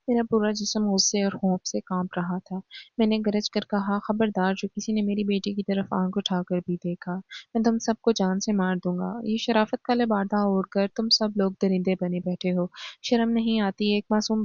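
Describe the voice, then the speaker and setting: A woman narrates a dramatic story in a steady, grave storytelling voice at a middle pitch. The voice track is dry, without any room echo. The sound is somewhat dull and lo-fi. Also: gravelly.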